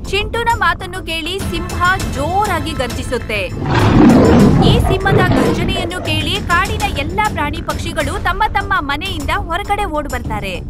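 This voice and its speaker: A woman reading the narration of an animated children's story in a steady storytelling manner. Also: very high voice, moderate pace. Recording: music under the voice.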